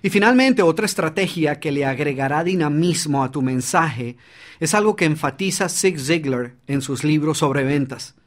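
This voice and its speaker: A man's voice: a little high, expressive, normal speed. A man narrating his own audiobook on public speaking, coaching the listener directly and demonstrating shifts in volume and pace.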